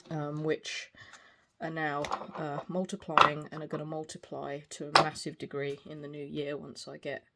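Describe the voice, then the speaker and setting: A person in their forties reviews a product on video in an unscripted, hesitant, rambling way, their mid-range voice monotone at a moderate pace. Background noise is clear, and small clicks can be heard.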